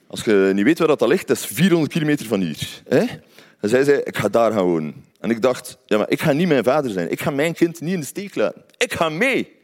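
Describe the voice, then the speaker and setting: A Belgian man with a Flemish accent tells a personal story in a chatty, conversational way, often tagging on little questions. His voice is medium-pitched, very animated and brisk.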